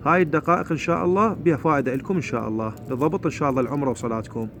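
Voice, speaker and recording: A man with an Iraqi Arabic accent giving a tajweed lesson. He explains each point plainly, then recites each verse slowly. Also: fairly high pitch, background noise. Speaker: Quran recitation teacher.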